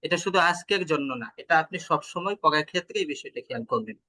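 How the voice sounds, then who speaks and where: A man teaching tajweed in an online class with a Bangladeshi Bengali accent, explaining patiently, asking questions and chanting examples slowly. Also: fairly high pitch, animated, bright, forceful tone. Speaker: Quran recitation teacher.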